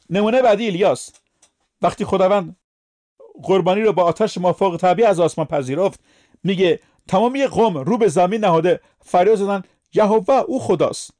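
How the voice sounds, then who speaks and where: A man's voice: high-pitched, darkish tone. A man preaching a sermon, speaking emphatically and putting questions to his listeners.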